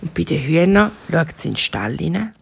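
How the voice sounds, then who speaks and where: A woman in her thirties tells her child a made-up story in a St. Gallen Swiss German accent. Her pitch swings up and down as she narrates, and her voice is creaky and husky throughout. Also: moderate pace. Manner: lively, animated narration with doing voices. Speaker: mother telling a story.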